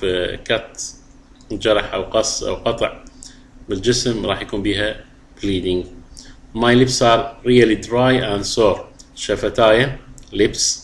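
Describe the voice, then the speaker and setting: A middle-aged man with an Iraqi Arabic accent teaching a lesson. He reads English phrases slowly and deliberately, then explains them. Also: on the low side, a bit bright, slight background noise. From Iraq.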